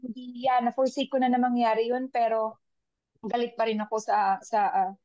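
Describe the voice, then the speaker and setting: A woman shares her experience as a working mother in an unhurried podcast conversation, often pausing and restarting her thoughts. The sound is dry and dull, like a lo-fi mic. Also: on the high side, flat delivery, warm tone, dry recording. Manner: thoughtful, mixes Tagalog and English, many restarts. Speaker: panel guest; working mother of young kids. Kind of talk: casual reflective podcast chat.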